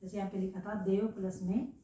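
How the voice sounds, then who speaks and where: A woman's voice: mid-range voice, flat delivery, brisk, warm tone. A woman teaching a grammar lesson, who keeps asking rhetorical questions and checking that her students understand. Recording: echoey room, voice from far off.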